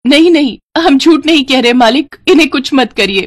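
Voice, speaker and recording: A woman voicing a poor farmer's kind, devoted wife in a cartoon story, gentle and eager. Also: medium pitch, normal speed, no echo, clean studio sound, lightly acted. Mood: earnest.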